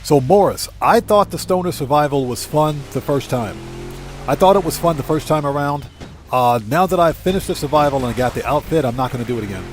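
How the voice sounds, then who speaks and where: A man's voice: fairly high pitch, animated, brisk, soft background music. A man hosting a live game stream, chatting casually with viewers and repeating himself for emphasis, over game noise.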